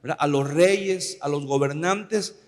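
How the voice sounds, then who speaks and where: A man's voice: on the high side, unhurried. Male pastor, raised voice, conversational sermon, long church-hall reverb. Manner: conversational preaching, keeps asking listeners for agreement.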